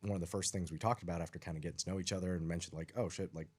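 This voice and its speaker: A man with a very low voice talks fast as a guest on a casual podcast. His speech is chatty and loose, full of likes and uhs. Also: fairly even intonation, darkish tone. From raised in the United States, born in Iran.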